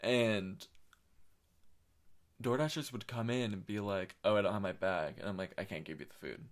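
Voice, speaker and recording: A man's voice: lowish voice, normal speed. A young man co-hosting a podcast, talking in a laid-back way, swearing freely and doing mock-sweet impressions of himself at work. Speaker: podcast co-host. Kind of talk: casual chat.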